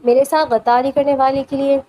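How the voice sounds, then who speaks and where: Cold male crime boss voiced by a woman, slow icy menace, high voice, audio novel reading. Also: little pitch movement, dull audio, a little hiss or hum, lightly acted.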